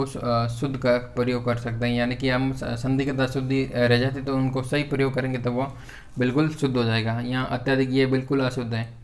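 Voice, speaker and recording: A man with a Hindi accent teaching an exam-prep grammar lesson, hesitant with many fillers and restarts, repeating corrections over and over. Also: medium pitch. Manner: repetitive corrective phrasing.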